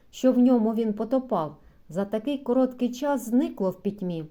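A woman narrating a short story for schoolchildren, calm and measured. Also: on the high side. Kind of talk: storybook reading for school literature.

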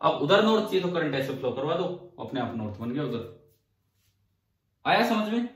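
High-voiced male teacher in an echoey room. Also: sing-song, normal speed, recorded from a distance. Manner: asks the class questions and answers them himself; repeats key phrases to drive points home. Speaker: physics teacher. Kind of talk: classroom physics lecture.

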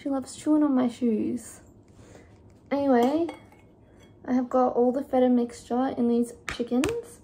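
Young woman, gravelly chatty vlog voice. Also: sits high, measured pace, pauses often, mellow. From Australia. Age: young adult. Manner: chatty, talks while cooking with fillers. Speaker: vlogger. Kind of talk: casual cook-along chat. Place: home kitchen, indoors. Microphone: phone camera on the counter.

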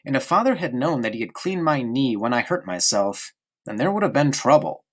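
In an audiobook, a narrator gives voice to a stubborn, talkative young boy, speaking eagerly and insistently. The delivery is brisk and very animated, set in a mid-range voice.

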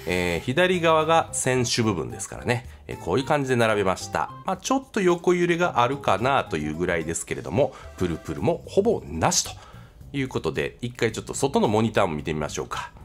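A man's voice: fairly low pitch, wildly swooping pitch, fast talker, faint music behind. A man with a Kansai accent narrating his travel vlog in a jokey way, mixing formal phrasing with dialect. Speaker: travel vlogger.

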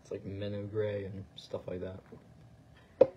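A man chatting casually as he demonstrates fly tying on a livestream, relaxed and full of trailing phrases. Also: low voice, measured pace, background noise. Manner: relaxed, talks while working, fillers and trailing phrases. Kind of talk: casual instructional chat.

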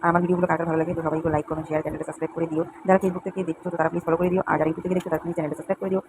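A young adult woman narrates a casual home vlog, chatting to viewers in a run-on, repetitive way. Her voice is fairly low and flat, and she races along; the home recording is clearly noisy with uneven volume.

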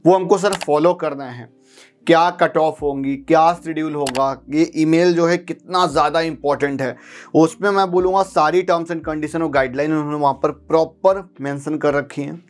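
A man in his thirties explaining a step-by-step process to students in a teaching video, often checking in with a quick question. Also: fairly high pitch. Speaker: counselling guide. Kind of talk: explanatory lesson. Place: studio with blackboard.

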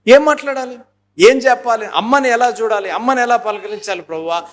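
High-voiced emphatic preacher man. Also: brisk, a bit bright. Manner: emphatic preaching, mixes in English phrases, acts out dialogues. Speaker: pastor. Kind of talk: sermon.

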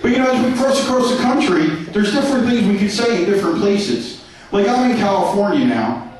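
Male stand-up comic, high-pitched and brash, crude punchlines, echoey club recorded from afar. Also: expressive, a little fast, a little mellow, a little hiss or hum. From New York. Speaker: stand-up comedian. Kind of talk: stand-up comedy set. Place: comedy club stage, live audience. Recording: echoey club heard from a distance.

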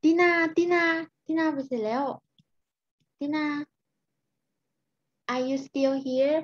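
High-voiced Lao woman tutoring over a call. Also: steady tone. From Laos. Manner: patient, corrects pronunciation slowly. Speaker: English teacher. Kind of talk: online tutoring. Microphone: video call. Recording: muffled video-call audio.

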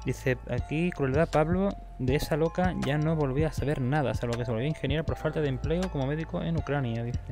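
Guy from spain hosting a stream, playful n chatty, reads chat out loud, music behind him. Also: on the high side, fairly quick, hardly any pauses. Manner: chatty, playful, repeats himself excitedly. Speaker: VTuber livestream host. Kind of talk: casual livestream chat, reading viewer comments. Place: virtual reality room, streaming.

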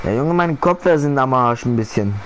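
A man's voice: medium pitch, animated, a little fast. A young man, chatting casually and bluntly in street slang while gaming. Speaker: gamer live-streaming. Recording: noisy game-stream headset audio.

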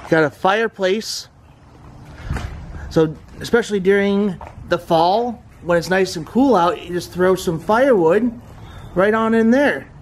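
A man with a fairly high voice walks a lakeside trail and chats through the sights like a casual tour guide. Recorded outdoors on a camera mic, with a faint hiss of background noise underneath. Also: unhurried. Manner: chatty tour-guide commentary. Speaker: vlog host. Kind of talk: casual travel vlog narration. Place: outdoors at a lakeside forest preserve.

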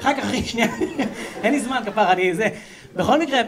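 High-voiced animated stand-up comic man. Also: crowd noise. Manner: lively, animated storytelling. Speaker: stand-up comedian. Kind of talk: stand-up comedy. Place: stage with live audience.

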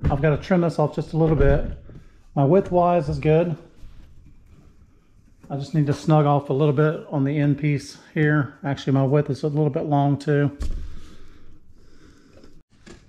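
A middle-aged man talks through his woodworking steps in a casual, matter-of-fact way, his voice sitting a little high for a man. The home garage shop rings around him, and a faint hum of noise runs under the sound. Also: steady tone, normal speed, pauses often, mellow, roomy sound. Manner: plain-spoken, step-by-step, talks through each move as he works. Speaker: woodworking channel host. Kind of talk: casual how-to narration while working.

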